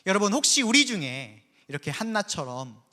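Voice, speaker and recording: Brief: male preacher, bright, lively, pitched a bit high, long church reverb. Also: moderate pace. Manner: animated, addresses the congregation directly with questions. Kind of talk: sermon. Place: church sanctuary.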